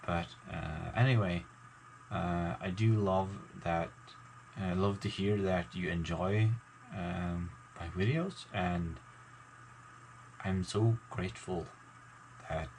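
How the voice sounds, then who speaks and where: A man, a gaming video maker, talking casually to his viewers in a halting, mumbling way with many fillers and restarts. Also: deep voice, a little mellow, a little hiss or hum, rough recording. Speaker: gaming YouTuber. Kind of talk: casual talk to camera.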